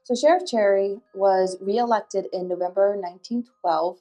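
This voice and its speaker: A woman hosts a paranormal investigation vlog. She speaks at a middle pitch, asking questions in a polite, sympathetic way. Music plays faintly behind her. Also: moderate pace, warm tone. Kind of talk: ghost-hunt vlog, questioning spirits.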